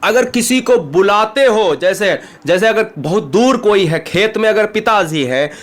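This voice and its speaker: A man with a Bihari Hindi accent teaching an exam-prep grammar lesson, speaking straight to his students and asking them quick rhetorical questions. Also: high voice, expressive. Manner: addresses students directly, asks rhetorical questions.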